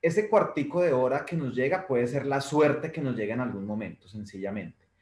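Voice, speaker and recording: A man's voice: mid-range voice, moderate pace. A man, co-hosting a casual podcast conversation and telling anecdotes in a storytelling manner. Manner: storytelling, acts out quoted voices with lively shifts. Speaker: podcast co-host. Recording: roomy echo.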